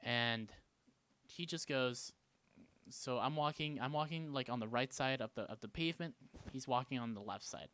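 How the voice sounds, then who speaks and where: A man from Canada telling a story in a casual vlog, animated, jumping between loud bursts and hushed asides. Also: mid-range voice, moderate pace, no echo. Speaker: vlogger.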